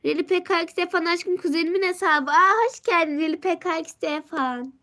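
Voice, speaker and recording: A woman's voice: very high voice, fairly quick, bright, forceful tone. A teenage girl chatting on a casual live stream, greeting viewers and reading out comments, her voice worn from a sore throat and a stuffy nose.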